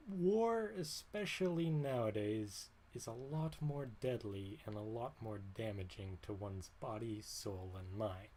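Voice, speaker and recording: A man's voice: lowish voice, a little mellow. Guy streaming, chatty rambly monologue, keeps correcting himself, dry jokey tone. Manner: rambling and wry, often stopping to correct himself. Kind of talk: casual livestream monologue.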